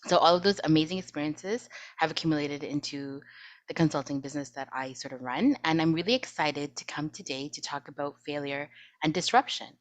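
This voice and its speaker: A middle-aged woman with a very low voice speaks on a video call, earnest and reflective. Her phrases often trail off into a soft hush. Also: fairly quick. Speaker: consultant. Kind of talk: panel introduction.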